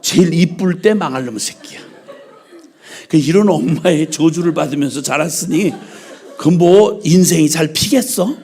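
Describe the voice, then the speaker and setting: An older man preaching at a church revival meeting, telling humorous stories and mimicking his mother's scolding with lively, joking energy. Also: on the high side, normal speed. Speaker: missionary preacher. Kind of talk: humorous sermon storytelling.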